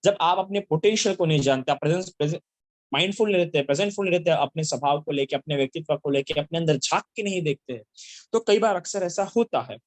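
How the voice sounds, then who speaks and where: A man telling a Buddhist Jataka story and its lesson to children, speaking haltingly with many fillers and restarts. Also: fairly high pitch, no echo. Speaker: Buddhist teacher.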